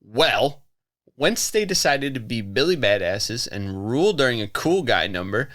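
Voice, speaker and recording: A man's voice: medium pitch, very animated, a little slow, fairly bright tone. A man co-hosting a casual podcast, telling a history story with lots of jokes and giggles. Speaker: podcast co-host. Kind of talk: casual chat.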